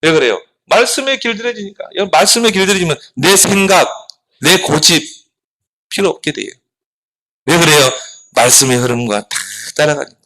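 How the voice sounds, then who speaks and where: A middle-aged man preaching a children's sermon, animated, asking the children questions and answering them himself. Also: a little high, a little fast, poor audio. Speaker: pastor.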